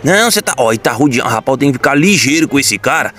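A man giving excitable, exaggerated comedic commentary while playing a game, full of folksy slang. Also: mid-range voice, very fast, faint music behind. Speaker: gaming comedy creator.

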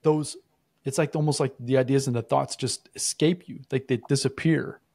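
A man's voice: medium pitch, fairly even intonation, moderate pace, vocal fry, a little mellow, husky, no echo, studio quality. A man co-hosting a podcast, asking his co-host probing, leading questions in a casual conversational way with frequent restarts.

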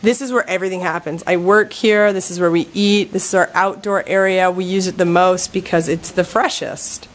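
A woman in her thirties gives an upbeat, chatty tour of her warm-climate house with an open patio, filming on a handheld phone often held at arm's length. Her voice is lowish and steady, at a moderate pace with few pauses, and she leans heavily on fillers like "like" and "you know."

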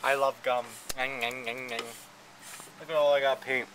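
A young adult vlogger who paints houses chats casually to his handheld camera, kept at arm's length, outdoors around a wooden deck and yard, rambling and joking. His mid-range voice is slow with a flat delivery, and there's background noise.

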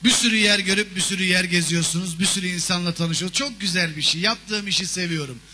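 A man's voice: sits high, quick pace. A man performing a stand-up comedy monologue on a theater stage, telling stories animatedly. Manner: animated storytelling with shouted character voices. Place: theater stage before a live audience. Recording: long reverb of a stage hall.

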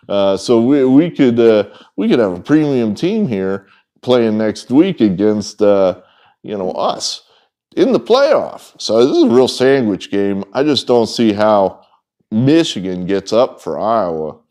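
A middle-aged man with a low-ish, dark, very animated voice hosts a sports betting picks video, speaking at a measured pace. He rambles folksily and off the cuff to the camera, full of ums and trailing asides, in a wood-paneled room before a whiteboard.

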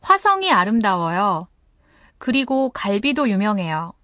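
A helpful young guide, brisk and lively. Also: female voice, mid-range voice, dry recording, clean studio sound. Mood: friendly. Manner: clear, careful delivery for learners. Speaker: dialogue model speaker. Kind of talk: scripted textbook dialogue.

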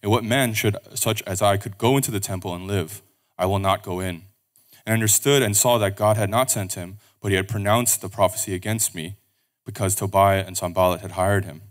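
A man reading scripture aloud at a pulpit microphone in a church service, steady and measured. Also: on the low side.

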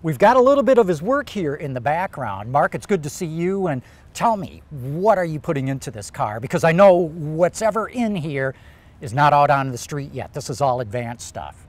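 A man's voice: fairly high pitch, sing-song, moderate pace. An older man hosting an outdoor on-camera interview, asking questions in a conversational way. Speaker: host. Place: outdoors beside a car. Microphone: lapel.

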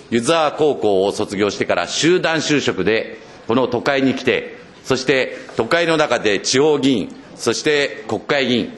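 A man's voice: mid-range voice, fairly bright tone. A man from northern Japan, a legislator, putting questions in a formal parliamentary committee in a ceremonious way with frequent hesitation fillers, speaking into a desk microphone. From Akita, Japan.

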